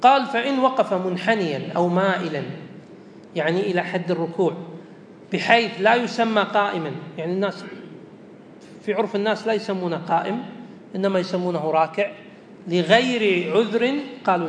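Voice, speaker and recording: A man teaching a religious law lesson, reading a line from a text and then explaining it plainly, going back over his points. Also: fairly quick. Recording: echoey hall with faint rumble.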